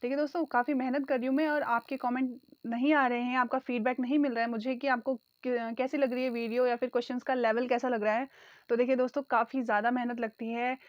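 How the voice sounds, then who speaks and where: A woman's voice: a little high, little pitch movement, fast talker, dry recording. A woman teaching an online exam-prep lesson, calling her viewers friends and repeating the key answers.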